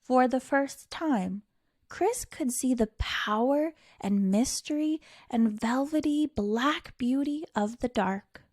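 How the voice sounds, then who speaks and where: With a high, slightly mellow voice, a storytime reader reads a children's picture book aloud theatrically. She leans on dramatic pauses and stretched-out words for emphasis. The recording is dry and the studio sound clean.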